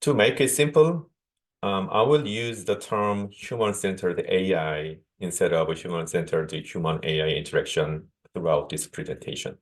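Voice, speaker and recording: Deep-voiced man with a Korean accent. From South Korea. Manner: careful, measured lecturing with small restarts. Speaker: guest speaker, associate professor. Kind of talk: conference keynote presentation.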